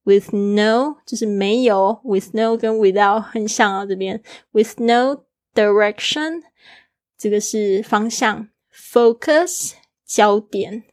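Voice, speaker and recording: A woman's voice: medium pitch, little pitch movement, unhurried, hardly any pauses, no echo, clean studio sound. A woman hosting a bilingual English lesson, patiently explaining and spelling out vocabulary, her throat a little sore. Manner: explains words patiently, repeats and spells them out. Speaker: English teacher and podcast host.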